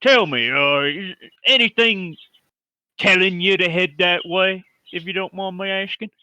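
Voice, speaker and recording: A man's voice: high voice, a little slow, sharp tone, no echo, heavily acted. A man voicing a friendly male orc who talks with a folksy, drawling courtesy. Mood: courteous. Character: amiable hulking male orc warrior.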